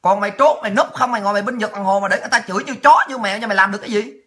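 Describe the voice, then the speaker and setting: A woman's voice: mid-range voice, rapid-fire, a bit bright. A woman hosting a political livestream, ranting angrily and taunting her critics with profanity. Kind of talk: angry ranting monologue.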